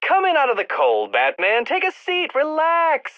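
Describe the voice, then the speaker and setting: The Riddler, sharp, smug genius villain. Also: male voice, a little high, big pitch swings, normal speed, husky, no echo, highs cut off, full character voice. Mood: theatrical, sneering. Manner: pompous, sarcastic, precise wordy diction. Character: smug, condescending male genius villain, mocking and theatrical. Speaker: video game villain. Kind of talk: scripted game villain taunts.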